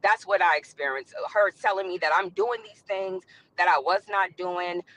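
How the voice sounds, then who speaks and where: Lady on the phone from her car while driving, bright voice, lots of ums, kinda far from the mic at times. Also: fairly low pitch, moderate pace. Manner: rambling, with many "um"s. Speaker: caller on a live stream. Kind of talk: casual explaining.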